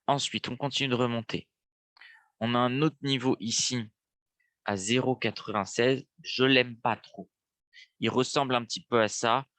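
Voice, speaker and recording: A young Frenchman with a cold-stuffed nose hosts a trading webinar, casually guiding viewers through a live lesson while thinking aloud with lots of fillers. His mid-range voice sounds fairly bright, with no echo.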